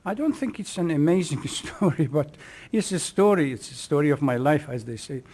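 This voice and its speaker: A man from Iraq, an imam, answering radio interview questions in a measured, hesitant way with many pauses and fillers, at a table mic. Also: a little high, expressive, darkish tone, breathy edge. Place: mosque event room, live broadcast table. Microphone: table mic with headphones.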